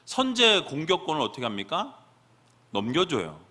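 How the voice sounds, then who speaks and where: A man's voice: fairly high pitch, wildly swooping pitch, moderate pace, sharp tone. A man preaching a sermon who keeps asking the congregation rhetorical questions.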